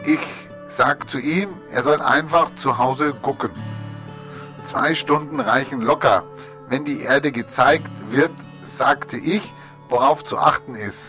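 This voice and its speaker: A man co-hosting a relaxed radio show, chatting and spinning a story with plenty of teasing asides. His voice sits in the middle of the male range but has a bright, forceful edge. Faint music plays behind him. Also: mid-range voice, slow. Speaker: co-host. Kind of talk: casual radio banter and anecdote telling.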